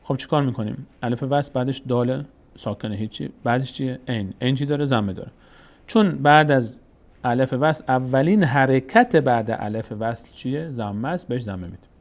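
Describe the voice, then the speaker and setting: A man teaching Quran reading step by step, patiently repeating each rule and slowly sounding out example words. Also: mid-range voice. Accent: Persian-speaking, Tajikistan channel. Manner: patient, repeats rules, addresses viewers as dear ones. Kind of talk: step-by-step recitation lesson.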